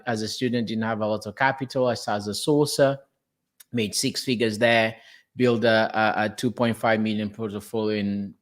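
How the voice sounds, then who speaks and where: A young man with a Portuguese accent speaks in a low register, telling his story as an interview guest. He talks quickly and keeps correcting himself mid-sentence. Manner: fast, self-correcting, frequent restarts. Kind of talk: casual interview.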